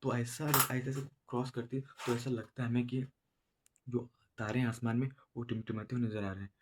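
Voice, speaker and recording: A man teaching a school exam lesson, explaining slowly and repeating himself because he has a headache. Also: medium pitch, flat delivery. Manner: slow, repetitive explaining with many filler checks. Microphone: no proper voice recorder.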